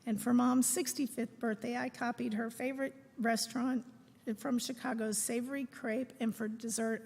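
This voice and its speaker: A middle-aged woman reads a prepared eulogy aloud in a measured, phrase-by-phrase way, speaking in a large room. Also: on the high side, vocal fry, a little mellow, breathy edge. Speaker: daughter giving a eulogy. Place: large room at a memorial service. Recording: echoey hall with long reverb.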